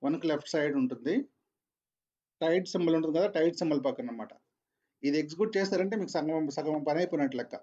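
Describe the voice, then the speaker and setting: A man's voice: a little high, very fast, mellow, lo-fi sound. A man teaching a programming class online, repeating his points patiently. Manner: repeats points, mixes English into Telugu.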